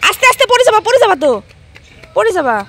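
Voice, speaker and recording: Very high-pitched, very animated, and racing along with a fairly bright tone, a young mother narrates a family vlog while filming her young daughters. She chats casually with the kids, using simple questions and short phrases she repeats to coax them.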